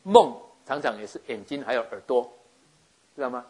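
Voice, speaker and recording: A man giving a lively sermon, acting out scenes and often checking that his listeners follow. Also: medium pitch, moderate pace, breathy edge. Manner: animated, acts out scenes, keeps asking listeners if they follow. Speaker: preacher.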